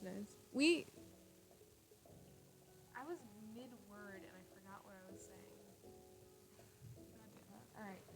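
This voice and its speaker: A young woman chatting casually on a livestream from her room, giggling and trailing off into tangents with lots of fillers. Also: medium pitch. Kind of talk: casual rambling storytelling. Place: at home, own room. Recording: livestream with background music. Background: music playing.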